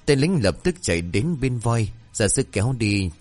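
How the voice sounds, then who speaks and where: A man narrating a folk tale in a steady storytelling manner. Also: medium pitch, normal speed, soft background music.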